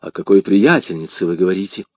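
A man's voice: sits low, expressive, fast talker, no echo, clean studio sound, voice pushed down. A man voicing a passionate young swordsman who cries out in urgent alarm. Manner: urgent, crying out. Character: passionate young male swordsman, frantic and desperate.

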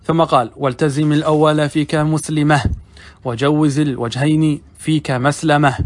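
Middle-aged male sheikh, higher-pitched voice, patient question-and-answer grammar teaching. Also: level tone. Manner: explains step by step, asks the class questions and answers them himself; reads quoted text slowly and deliberately. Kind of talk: classroom commentary on a grammar text.

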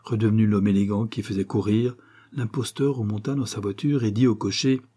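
A male audiobook reader narrates in a measured, even storytelling manner. His voice is dark and mellow, with a husky edge. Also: on the low side. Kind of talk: scripted narration.

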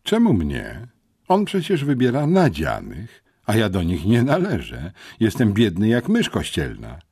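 A man's voice: lowish voice, huge pitch swings, a little slow, darkish tone, breathy edge, pitched above the performer's own voice, heavily acted. A man reading an audiobook, voicing a nervous, indignant teenage schoolboy detective.

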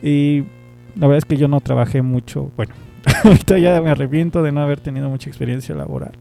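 Gravelly-voiced Mexican man telling stories. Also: on the high side, fast, warm tone, faint music behind. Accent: Mexican Spanish. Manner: rambling, slangy, laughs often. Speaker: amateur radio-style host. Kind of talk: casual personal storytelling.

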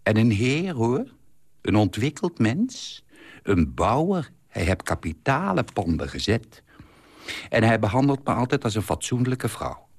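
A man reading aloud in the voice of a chatty middle-aged woman, telling her story with lively, confiding storytelling. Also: medium pitch, a little slow, no echo, studio quality. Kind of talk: reading a literary column aloud.

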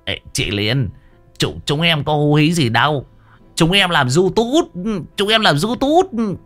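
A timid young craftsman who hedges and apologizes, his low voice swinging up and down, as a male narrator puts him on in a spoken ghost story. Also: animated, slow, fairly bright tone, no room sound, faint music behind, heavily acted. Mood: panicked. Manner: hesitant, apologetic. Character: timid young craftsman, reluctant and self-excusing.

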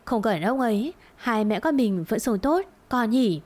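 A woman voicing a wronged older wife, weary but firm, speaking in a cold, steady way in a storybook tale. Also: a little high, measured pace. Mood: tender.

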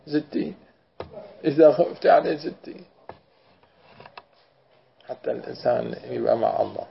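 A man, a sheikh teaching scripture commentary, correcting and explaining his student. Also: medium pitch. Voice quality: gravelly. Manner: interjects to correct and explain, drawn-out slow repetitions. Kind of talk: religious lesson commentary. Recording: dull lo-fi recording.

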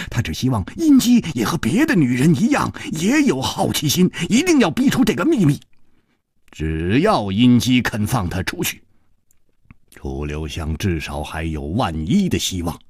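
Man narrating a story, theatrical, very animated pitch, slow pace, dry close sound. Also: husky, no echo. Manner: theatrical, swooping intonation.

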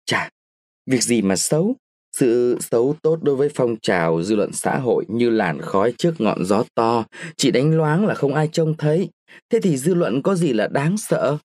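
A man reading a story, voicing a wealthy, married older gentleman who persuades a young woman in a lecturing tone. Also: medium pitch, very animated, normal speed, dry recording, studio quality. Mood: persuasive.

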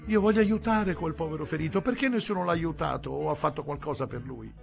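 Man putting on a shrill, indignant young woman. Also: quick pace, vocal fry, faint music behind. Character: indignant young female nurse, fiery and stubborn.

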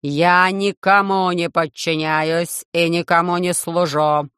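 Storybook robot overlord, loud, harsh and metallic, very slow, clear dry delivery, as a reader puts it on. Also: medium pitch, flat delivery, no echo. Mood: cold commanding. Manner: slow, loud, measured commands. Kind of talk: audiobook reading.

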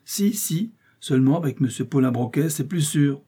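A man voicing a brawny Parisian street thug who protests loudly and insistently in slangy speech. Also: medium pitch, expressive, normal speed, slightly rough, voice pushed up. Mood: wary.

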